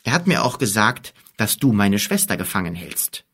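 A man's voice: fairly low pitch, sing-song, moderate pace, a bit bright, husky, full character voice. A man voicing a young boy hero who sounds wary and eager, in a raised voice.

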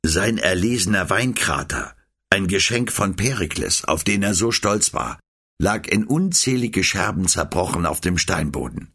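A man narrating a children's story with an expressive, lively reading. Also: low voice, measured pace, husky.

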